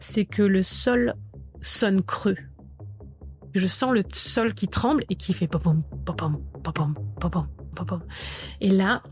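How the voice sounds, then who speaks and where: A woman in her thirties, a podcast guest telling a personal story and vividly acting out remembered dialogue. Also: on the high side. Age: 30s. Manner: vivid narrator who acts out remembered dialogue.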